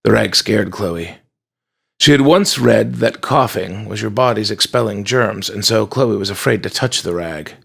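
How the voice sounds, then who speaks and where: A man reading an audiobook chapter in a calm, measured storybook narration. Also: lowish voice, gravelly, breathy edge.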